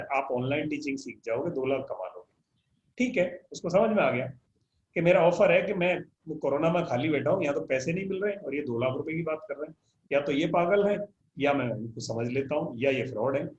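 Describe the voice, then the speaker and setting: A man with a somewhat high voice teaches a marketing class, building his points from everyday examples and stopping now and then to clear his throat. The room echoes around him. The sound is dull and lo-fi. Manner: explains with everyday examples, mixes English terms, clears throat. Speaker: trainer.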